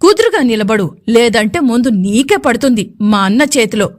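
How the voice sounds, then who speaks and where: A woman voicing a loud, bossy woman who scolds a girl in an audio story. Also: on the high side, lively intonation, moderate pace. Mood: scolding. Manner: shouting, scolding.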